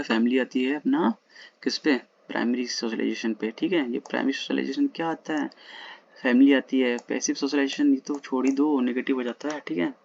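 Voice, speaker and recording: Recorded at home at night, this male exam-prep teacher casually goes over past exam questions, slowly reading the English text before a fast explanation in Hindi. The voice is mid-range, creaky and a little mellow, and the recording sounds muffled.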